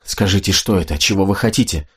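A man's voice: low voice, fast talker, slightly rough. A man voicing a proud, stern young noblewoman who speaks firmly and commandingly, in an audiobook. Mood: defiant.

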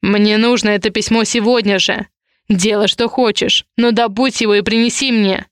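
A woman's voice: medium pitch, fairly even intonation, moderate pace, clear, resonant tone, no room sound, clean studio sound, close to an everyday voice. A woman reading the lines of a stern, haughty male duke in a cold, commanding manner, in a story. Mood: furious.

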